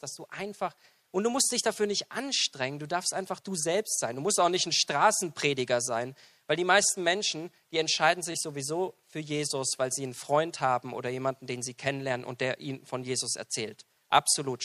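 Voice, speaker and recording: Brief: male preacher, fairly high voice, animated storyteller, from loud to quiet. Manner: animated storyteller, acts out dialogue; loud swings in volume. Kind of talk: sermon with a personal story.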